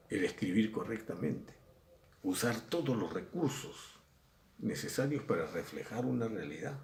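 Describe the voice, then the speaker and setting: His voice is lowish, creaky and slightly mellow: a middle-aged Peruvian man with a Peruvian Spanish accent giving a recorded secondary school language lesson. The room echoes as he talks conversationally, frequently repeating himself and performing examples.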